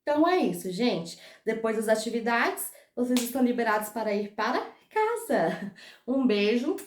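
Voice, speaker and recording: A young woman with a Brazilian accent leads a grammar lesson, with a bright, high voice. She slows down to model each phrase and keeps asking whether it is easy. The recording has an echoey room sound. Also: big pitch swings, slight background noise. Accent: Brazilian Portuguese. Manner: patient, drawn-out model phrases, diminutive reassurances. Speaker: English teacher.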